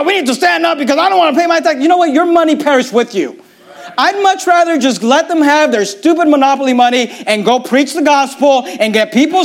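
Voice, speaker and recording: A man preaching a sermon, reading scripture aloud and arguing his point with emphasis. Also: very high-pitched.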